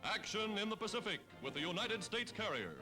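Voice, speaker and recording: Newsreel narrator, man: punchy wartime delivery, pitched high, music bed under, old newsreel sound. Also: big pitch swings, brisk. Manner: dramatic, punchy announcing. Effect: old newsreel recording with music.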